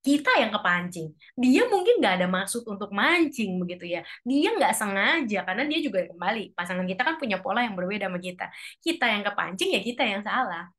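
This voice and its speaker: A woman's voice: very animated, a little fast, fairly bright tone. A woman giving a casual, chatty talk to a church couples' group. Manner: chatty, acts out quoted lines in a higher voice. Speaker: speaker at a church couples' fellowship.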